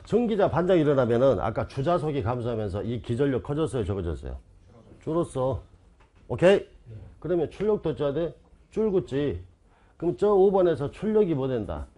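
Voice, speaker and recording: A man's voice: medium pitch, warm tone. A man giving an online exam-prep lecture, quizzing his students with constant rhetorical questions and insistently repeating key terms.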